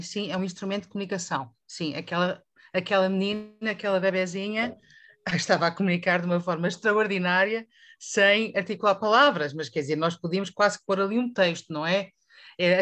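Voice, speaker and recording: A woman with a European Portuguese accent, a voice teacher leading a panel discussion and putting questions to the group in an expressive way. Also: mid-range voice. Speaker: voice teacher and moderator.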